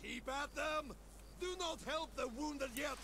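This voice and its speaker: A man's voice: extremely high pitch, slow, pushed and bright, full character voice. An actor playing a merciless barbarian Uruk warrior giving battle commands in a video game, a man. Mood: merciless, commanding. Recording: faint, distant game audio.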